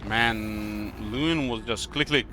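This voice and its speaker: A man giving casual strategy game commentary, thinking aloud with hesitant pauses. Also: fairly low pitch, bright, forceful tone, slight background noise. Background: faint game music.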